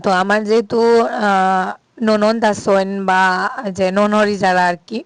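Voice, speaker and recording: A woman's voice: medium pitch, little pitch movement, unhurried, clear, resonant tone, no echo. A middle-aged woman with a Sylheti Bengali accent, chatting unhurriedly as a vlogger with frequent "ah" fillers. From Sylhet, Bangladesh. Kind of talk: casual vlog narration.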